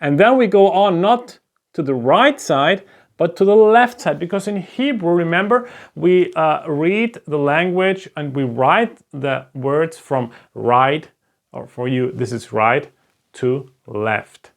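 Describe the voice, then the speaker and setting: Here a Hebrew teacher, a man who is a native German speaker with a German accent, explains things slowly at a board. His voice is on the high side and gravelly, with lively intonation and a slow pace. He checks in with "right?" as he patiently moves step by step.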